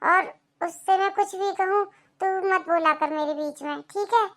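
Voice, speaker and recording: A bossy old mother-in-law snaps and scolds in a cartoon, as a woman puts her on. The voice sits very high and sharp. Her tone is contemptuous and domineering throughout. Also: measured pace, heavily acted. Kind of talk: Hindi cartoon voice acting.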